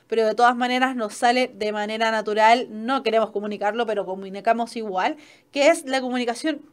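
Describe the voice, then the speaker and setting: A woman's voice: on the high side, a little fast. A young adult woman teacher with a Chilean accent, lecturing in an online class and often checking in with "¿cierto?". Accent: Chilean Spanish. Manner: explanatory, frequent "¿cierto?" checks.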